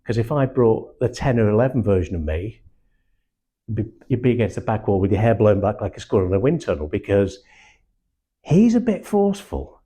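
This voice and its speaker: Older English male trainer, husky and mellow, blunt and animated. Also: fairly low pitch, a little fast. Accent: hard-to-place English. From Manchester, England. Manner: blunt and animated, acts out quotes, swears casually. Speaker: sales trainer. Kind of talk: live training talk to a small group.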